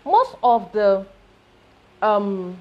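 A woman's voice: medium pitch, sing-song, drawn-out words, lo-fi sound. A woman with a Nigerian accent, coaching on business growth in an emphatic talk with rising checks like "okay?". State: briefly choking.

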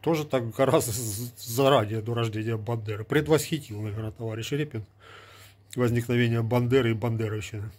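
This man's voice is mid-range, a little mellow and fairly quick. He's a Ukrainian vlogger in his forties speaking casually to his phone camera at arm's length indoors, in a small room, recorded on an earbud mic, and he argues with a sarcastic, preachy tone.

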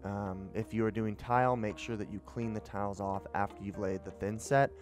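A young home improvement vlogger narrates his tiling job in a small indoor basement bathroom, with soft music in the background. His lowish voice holds a steady tone at a moderate pace, and in this casual DIY voice-over he chats, explains tips and frankly admits his own mistakes.

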